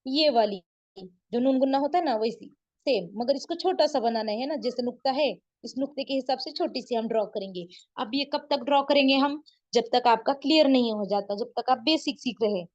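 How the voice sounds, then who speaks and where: A woman's voice: high voice, darkish tone, lo-fi sound. Patient woman teaching Urdu letters. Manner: patient, repetitive explaining with frequent checks like "isn't it?"; drawn-out demonstrations of word sounds. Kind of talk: online beginner language lesson.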